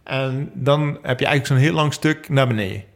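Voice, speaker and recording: A man's voice: mid-range voice, fairly quick, creaky. A man in his thirties, a professional cyclist, answering interview questions at length in a hesitant way, with lots of ums and restarts. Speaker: professional cyclist, sprint lead-out rider. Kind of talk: interview answers recalling races.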